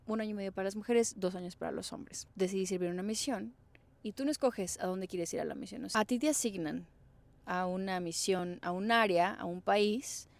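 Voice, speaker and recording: Young Mexican woman vlogger, chatty and explanatory, mid-pitched voice, dry close sound. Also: darkish tone, no room sound. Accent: Mexican Spanish. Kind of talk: casual personal vlog.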